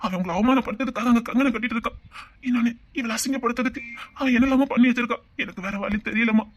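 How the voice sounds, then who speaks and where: A man playing a young groom who speaks quickly and earnestly, reassuring his bride. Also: very high voice, muffled recording. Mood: devoted. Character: young groom, devoted and protective. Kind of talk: Tamil web-series drama acting.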